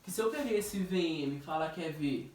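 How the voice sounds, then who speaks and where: A man's voice: on the high side, animated, a little mellow. A male teacher runs a casual physics review, tossing questions at a student and stretching out key words. He sits back from the mic in a roomy, echoing space. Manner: jokey, questioning, drawn-out stressed words. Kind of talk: informal classroom review. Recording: echoey room, distant mic.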